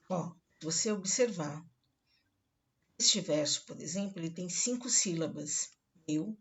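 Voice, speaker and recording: Brazilian woman teaching literature, low voice. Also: slightly rough. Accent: Brazilian Portuguese. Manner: explains slowly, asks students to follow along, reads poems aloud. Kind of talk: online class lecture. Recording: dull lo-fi recording.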